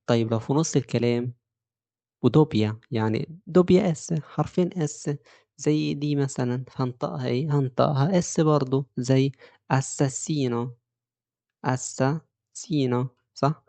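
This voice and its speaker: A man with an Egyptian Arabic accent teaching Italian pronunciation, explaining rules step by step and repeating example words slowly. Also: mid-range voice, vocal fry, warm tone, dry recording. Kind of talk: pronunciation lesson.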